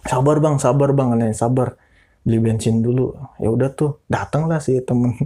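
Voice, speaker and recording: A man casually telling a ghost story, animated and acting out other people's lines. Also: medium pitch, normal speed. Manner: animated, quotes people in voices. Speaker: guest storyteller.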